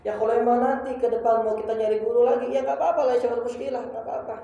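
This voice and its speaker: A man's voice: very high voice, fairly even intonation, rapid-fire, creaky, mellow, dull audio. A young man teaching an informal religious study circle, talking colloquially, apologizing often and repeating phrases for emphasis. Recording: very echoey room.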